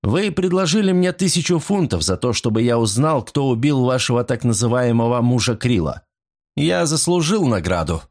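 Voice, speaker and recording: A man's voice: mid-range voice, animated, moderate pace, darkish tone, voice pushed up. A man voicing a stern male detective who speaks in clipped, emphatic sentences in an audiobook.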